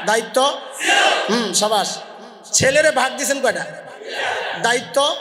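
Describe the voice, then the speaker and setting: A male preacher gives a loud waz sermon. He quizzes the crowd and has them shout the answers back. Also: extremely high pitch. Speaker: Islamic preacher. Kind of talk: Bengali waz sermon with call-and-response. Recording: long echoey reverb of a big space.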